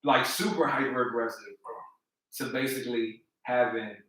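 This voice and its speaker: A man's voice: mid-range voice, fairly even intonation, normal speed, sharp tone, very echoey, distant mic, low-quality recording. A man in his thirties co-hosting a podcast, talking openly in casual chat. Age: 30s. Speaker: podcast co-host.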